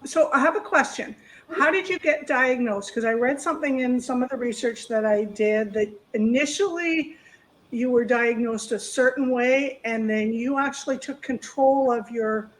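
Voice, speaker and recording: Woman host asking questions, bit high voice, sounds really into the story. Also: moderate pace, low-quality recording. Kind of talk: interview questions.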